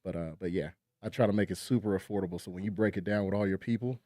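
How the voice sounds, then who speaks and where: A man from England who runs game shows, a podcast guest pitching his prices in upbeat, filler-heavy patter. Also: racing, dark tone, no room sound, studio quality. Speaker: game show and trivia host.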